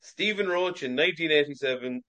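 A man hosts a sports quiz over a video call. He reads each question at a measured, steady pace and keeps score plainly. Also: a little high. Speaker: quiz master.

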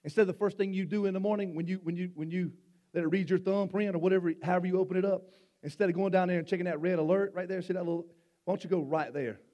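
A middle-aged man preaches, his voice sitting unusually high for a man. He talks in a folksy way, stumbling over repeated words and teasing his congregation. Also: steady tone, very fast, muffled recording. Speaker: pastor. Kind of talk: sermon.

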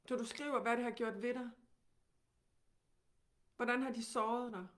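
A woman with a Danish accent teaching, who guides calmly and gently with many questions. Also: fairly high pitch.

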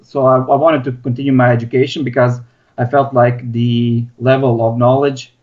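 The guest on this podcast is a young Bosnian man, a sports science researcher, talking casually over a remote Skype call with a Balkan accent. His pitch is medium, his tone level, his pace moderate. The call audio is lo-fi and dull.

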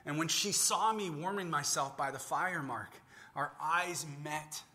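A man preaching in the voice of a remorseful male apostle, retelling his denial haltingly and emotionally. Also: a little high, sharp tone. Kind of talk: dramatized scripture in sermon.

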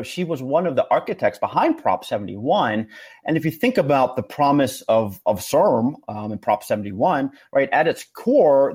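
A man hosting a podcast, explaining things conversationally with halting, repeated words. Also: medium pitch, a little mellow, husky. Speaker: podcast host.

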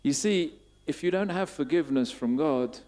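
A man's voice: fairly high pitch, normal speed, a little mellow. Emphatic male preacher. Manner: questioning, rising to emphatic bursts. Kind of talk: sermon.

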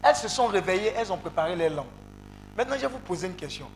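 A male preacher leading an interactive sermon, calling out to the congregation and breaking into loud exclamations. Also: high voice, racing, gravelly, a little hiss or hum. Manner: animated, calls out to the congregation, bursts into loud exclamations. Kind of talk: interactive sermon with call and response.

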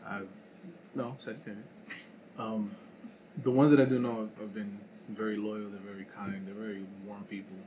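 Low-voiced man musing in casual chat. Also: flat delivery, normal speed, warm tone. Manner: reflective, hesitant with many fillers. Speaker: podcast co-host. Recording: noisy room recording.

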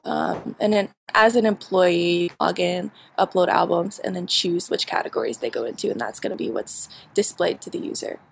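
A young woman answering interview questions about her bootcamp projects, halting with many fillers and frequent laughs. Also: on the low side, creaky, a little hiss or hum. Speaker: bootcamp graduate.

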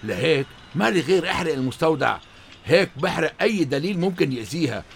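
A man's voice: on the high side, lively intonation, fast, creaky, a little hiss or hum. An actor with a Levantine Arabic accent playing a determined, commanding man who plans to burn a warehouse. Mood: insistent. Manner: insistent, commanding.

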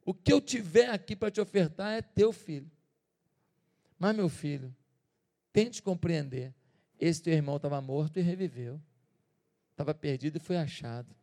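A man's voice: a little high, moderate pace, long pauses, lightly acted. A man voicing a loving father who welcomes his son back, speaking tenderly. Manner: tender and warm-hearted. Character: loving, joyful old father. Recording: reverberant church hall.

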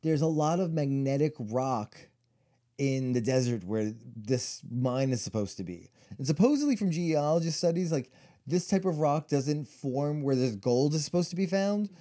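A man's voice: fairly high pitch, animated, normal speed, mellow. A man in his forties, co-hosting a casual chat and telling long stories full of "like" and "you know.". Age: 40s. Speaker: podcast co-host.

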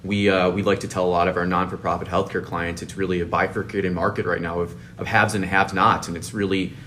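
Male professional guest, thirties, deep voice, conversational explainer, faint rumble. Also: little pitch movement, fast, fairly bright tone. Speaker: podcast guest, financial advisor.

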